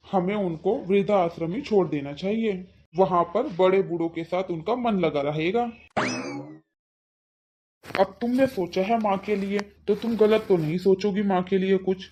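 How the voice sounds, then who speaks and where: A weak-willed cartoon father, voiced by a woman, easily swayed by his wife. He coaxes and scolds in a mid-pitched voice. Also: a little mellow, husky, lo-fi sound. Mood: agreeing. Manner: coaxing, then scolding.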